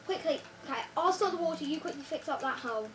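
The girl co-hosting this building game sounds animated, with a high, fairly bright voice, as she directs her partner with quick instructions in casual gameplay chat. A phone camera filming the TV screen in the living room picks her up from a distance, along with room noise.

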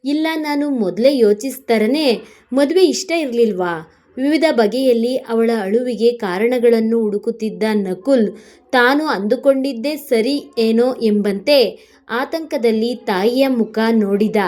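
A woman narrating a story aloud in a steady, expressive reading style. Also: a little high.

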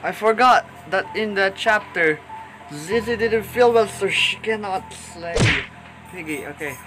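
A gaming YouTuber, a young man with a slightly high voice, narrates a horror let's-play in a jittery, panicky way, fretting aloud, repeating himself, and saying "oh no" again and again. He speaks unhurriedly over loud game music, and the recording is rough.

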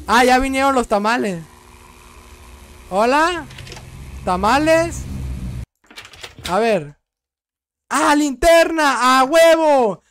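A young man with a Mexican accent commenting on his gameplay, cracking crude jokes, talking back to game characters and yelling when startled. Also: very high-pitched, a little hiss or hum. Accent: Mexican Spanish. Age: young adult. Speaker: streamer.

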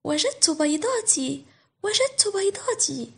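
Storybook mother duck played by a woman: tender-hearted, worried, high-pitched, exclaiming with big swings. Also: sing-song, measured pace, gravelly, heavily acted. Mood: joyful. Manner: dramatic, exclaiming.

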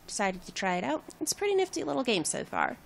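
Female let's play host: lively intonation, vocal fry, casual and wry. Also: fairly high pitch, fast, a little hiss or hum. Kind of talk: casual game commentary.

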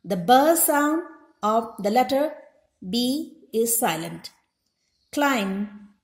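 An expressive woman with a high voice teaches slowly in an echoey room, keeping the classroom lesson deliberate. She says each example word again, slowly, and explains what it means.

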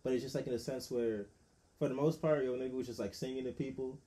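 A man's voice: mid-range voice, fairly even intonation, fast, mellow. A man hosting a podcast, talking casually in loose slang, often laughing and trailing off mid-thought. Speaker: podcast host. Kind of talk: casual chat.

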